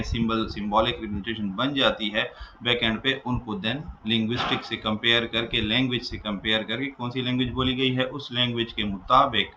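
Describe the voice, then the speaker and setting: Man lecturing, bright lo-fi voice. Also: medium pitch, slight background noise. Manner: mixes English definitions read aloud into Hindi-Urdu explanation. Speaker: teacher. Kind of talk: lecture explaining slides. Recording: dull lo-fi sound, faint ambience.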